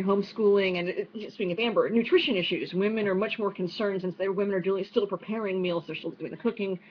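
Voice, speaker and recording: Fast-talking New York woman, lo-fi stream. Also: medium pitch. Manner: quick-talking, chatty with many fillers and restarts. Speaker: speaker at an online unconference. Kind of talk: casual talk answering audience questions. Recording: dull lo-fi stream with faint noise.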